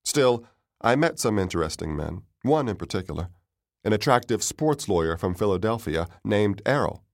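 A man giving calm first-person audiobook narration. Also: fairly low pitch, moderate pace, no echo, studio quality.

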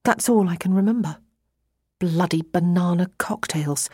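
Audiobook role: hungover young woman played by an actress, groggy, breathy, bewildered, dragging pace, very dry close sound. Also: fairly low pitch, unhurried, dark tone, dry recording. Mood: groggy, straining. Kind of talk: first-person dramatised audiobook narration.

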